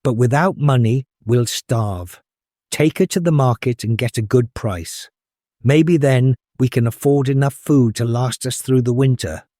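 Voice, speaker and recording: A man voicing a poor, anxious mother who is quick to scold, in a children's storybook. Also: medium pitch, warm tone, dry recording, studio quality, natural voice. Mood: worried.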